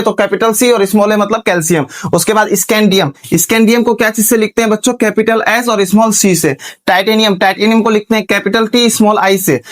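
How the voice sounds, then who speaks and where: Guy teacher w a high voice, lecturing, keeps asking the kids questions n spelling stuff out. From Bihar, India. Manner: asks students questions and answers them himself; repeats and spells words out letter by letter. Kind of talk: classroom lecture for students.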